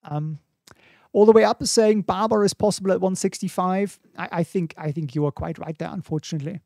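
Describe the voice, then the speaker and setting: Speaking fairly quickly with a high, darkish voice and some vocal fry, this German-accented stock livestream host in his forties muses casually over market charts and reads out viewer questions. He records indoors in a small home studio, a boom studio mic in front of his face, and there's no echo.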